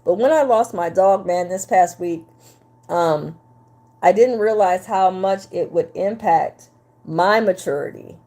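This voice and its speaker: A woman's voice: lowish voice, unhurried. A woman in her fifties, a relationship coach, talking live to her viewers and the chat in a chatty, repetitive way. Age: 50s. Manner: animated, talks straight to the chat, repeats herself. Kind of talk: live-stream talk to viewers.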